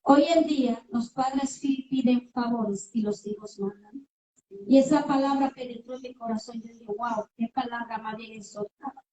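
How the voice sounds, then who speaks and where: A woman preacher with a high voice delivers an emphatic sermon full of rhetorical questions. She is heard from some way off the microphone. Her voice rings through an echoey church room. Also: moderate pace, warm tone, dull audio. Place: church sanctuary. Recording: echoey room, voice from far off the mic.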